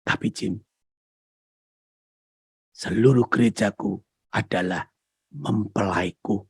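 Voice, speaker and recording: A preacher voicing Jesus as a gentle, patient divine man, speaking softly and in a hushed tone. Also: on the low side, creaky, husky, dry recording, studio quality, pitched below the performer's own voice, heavily acted. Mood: tender. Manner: soft, hushed, slow.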